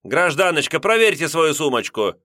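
A man's voice: on the high side, very animated, a little slow, fairly bright tone, no echo, studio quality, voice pushed up. A man voicing a smarmy male pickpocket who plays dumb and answers with mock-innocent sarcasm. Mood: sarcastic, indignant.

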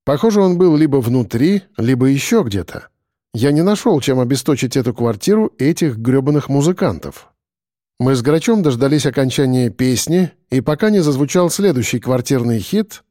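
A man reading a first-person story aloud in a wry, expressive way. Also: medium pitch, moderate pace, no echo, studio quality. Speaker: audiobook narrator. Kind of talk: first-person scripted narration.

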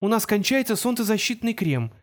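A man voicing a curious, wary young woman in an audiobook, with a light, earnest delivery pitched up from his own. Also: big pitch swings, fairly quick. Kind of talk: audiobook character voice.

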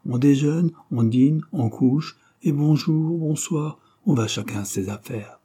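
A man's voice: on the high side, a little slow, dark tone, breathy edge, pitched above the performer's own voice. A man reading an audiobook, voicing a smug young journalist with glib, teasing banter.

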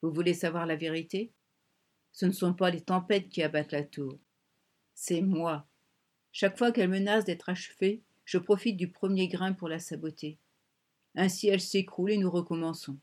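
A woman reading an audiobook voices a proud, domineering male strongman, curt and scornful, sometimes dropping to a breathless hush. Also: high voice, steady tone, moderate pace, natural voice.

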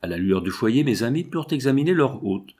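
A man narrating a children's storybook in a measured, expressive read-aloud. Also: medium pitch, slightly rough. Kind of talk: storybook reading.

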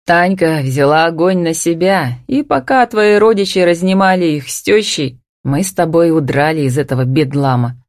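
A woman doing a gruff domineering man. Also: low voice, normal speed, few pauses, a little mellow, no room sound, clean studio sound. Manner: growling, curt.

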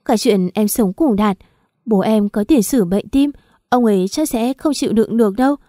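A woman's voice: on the high side, normal speed, warm tone, dry recording, studio quality, close to an everyday voice. A woman voicing a frightened young woman from the countryside in an audio story, speaking tearfully and pleadingly.

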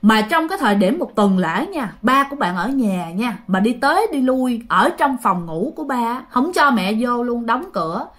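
A woman's voice: on the high side, expressive, moderate pace, hardly any pauses, fairly bright tone. A woman with a Southern Vietnamese accent telling a ghost story in a chatty way, talking straight to her listeners. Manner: chatty, addresses listeners directly.

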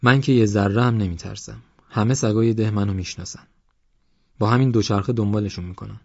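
A man's voice: lowish voice, steady tone, vocal fry, no room sound, muffled recording. A male narrator voicing a bold young village girl who brags and talks like a know-it-all. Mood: boastful. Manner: cocky, chatty, know-it-all.

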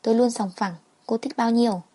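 A woman's voice: on the high side, steady tone, fairly quick, mellow, close to an everyday voice. A woman voicing a cold, teasing rich man who speaks in curt, mocking lines.

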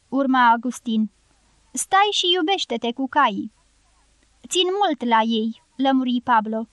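A woman reads a novel aloud as an audiobook narrator, carrying every character's lines in her own voice. Her voice sits high. The sound is dry and close, with no room around it. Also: dry recording.

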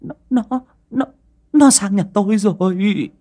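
A man's voice: high-pitched, big pitch swings, moderate pace, a little mellow, husky, voice pushed up, exaggerated voice. Man doing a fussy older village woman. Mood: frightened. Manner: fussy, exclaiming, stammering when scared. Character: flustered older village woman, fussing and fearful.

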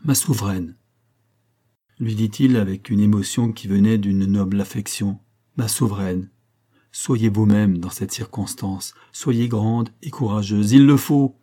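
A devoted old counselor, tender yet urgent, in a storybook reading, voiced by a male narrator. The voice is low and warm with a husky grain. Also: little pitch movement, normal speed, hardly any pauses, close to an everyday voice. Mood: earnest. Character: devoted old man, loyal treasurer.

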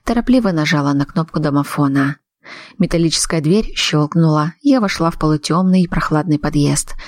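A woman narrating an audiobook in the first person with an even, measured reading. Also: sits low, no echo. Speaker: audiobook reader.

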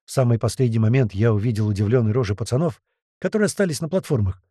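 Lively dark-voiced male audiobook narrator. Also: mid-range voice, quick pace, dry recording, clean studio sound. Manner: lively, vivid storytelling. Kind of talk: first-person audiobook narration.

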